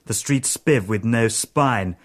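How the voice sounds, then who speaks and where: Bitter jilted hostage-taker, husky, menacing, taunting, self-pitying, mid-pitched, radio drama. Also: male voice, takes it slowly. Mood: angry, taunting. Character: volatile, bitter jilted man holding hostages, menacing and pleading.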